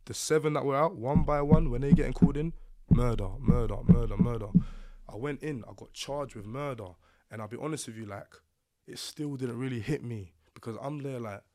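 A man's voice: mid-range voice, fairly quick, a little mellow. London man with a roadman street delivery. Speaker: podcast guest. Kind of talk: casual personal storytelling.

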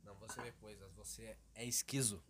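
Deadpan gaúcho podcast co-host. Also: male voice, lowish voice, a little fast, background noise. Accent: southern Brazilian, gaúcho. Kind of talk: casual chat.

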